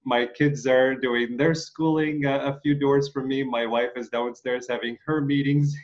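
A male interview host from Ukraine speaks earnestly over a video call from home, stumbling through many hesitations and fillers. His voice sits at a middle pitch, and the audio is somewhat muffled. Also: steady tone, a little slow. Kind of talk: interview hosting. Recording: slightly muffled.

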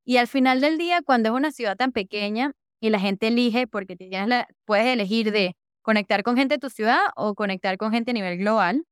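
A young Venezuelan woman, a user researcher appearing as a podcast guest, chats casually and enthusiastically about her work, repeatedly saying "de verdad que" and "súper" and piling on words like "really" and "super." Her voice is on the high side, brisk with few pauses, clean in tone, recorded dry in a clean studio.

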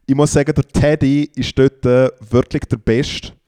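With a warm, steady tone at medium pitch and normal speed, this man co-hosts a podcast in casual conversation. He tells long, rambling stories loaded with filler words.

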